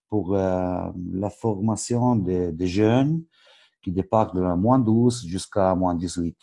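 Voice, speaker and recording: Low, gravelly man with an Italian accent. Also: warm tone. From Switzerland. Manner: halting, searching for words in a second language. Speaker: football coach educator. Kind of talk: webinar presentation.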